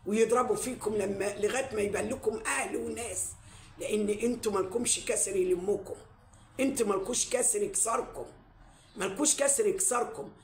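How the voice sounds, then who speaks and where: A woman with an Egyptian Arabic accent delivering an angry, repetitive ranting monologue full of curses and invocations. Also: fairly high pitch. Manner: repetitive, cursing, shouting. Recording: echoey room with faint background noise.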